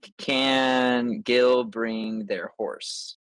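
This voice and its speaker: A man's voice: medium pitch, steady tone, drawn-out words, a bit bright, clean tone, no room sound. A man playing in a tabletop game, chatting casually and making dry jokes to the game master. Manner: joking, dry asides. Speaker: player.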